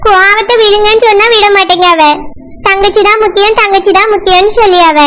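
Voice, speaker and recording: Woman doing a worried cartoon village mom, tirunelveli tamil, lower and calm, bright. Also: fairly quick, a little hiss or hum. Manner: soothing, reasoning. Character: calm middle-aged village mother, worried. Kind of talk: cartoon voice acting.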